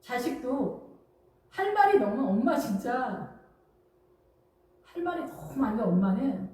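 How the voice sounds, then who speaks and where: A middle-aged woman pastor preaching a lively, humorous sermon, acting out quoted voices and often laughing. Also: a little high, takes it slowly, heavy reverb, distant mic, low-quality recording. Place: church.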